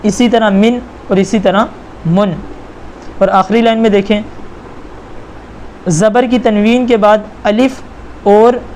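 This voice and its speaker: A man teaching a Quran reading lesson, patiently repeating points and spelling syllables out slowly for the learner. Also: high voice, darkish tone, a little hiss or hum. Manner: patient, repetitive explaining.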